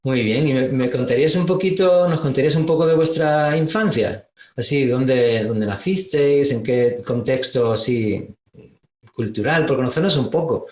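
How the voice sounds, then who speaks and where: A man's voice: mid-range voice, moderate pace, a little mellow, echoey room. A man hosting a podcast interview, talking in a hesitant way with many fillers and restarts. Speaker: podcast host. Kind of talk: casual interview.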